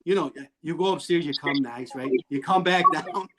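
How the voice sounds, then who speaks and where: A man telling wild stories in an animated way, loudly acting out what people said and laughing often. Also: a little high, normal speed, crowd noise. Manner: excitable, acts out quotes loudly, laughs often. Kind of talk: animated storytelling.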